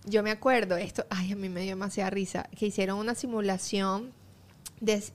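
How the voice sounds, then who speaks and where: A woman, a guest in a casual chat, easygoing and soft-spoken as she tells stories. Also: mid-range voice, fairly even intonation, brisk.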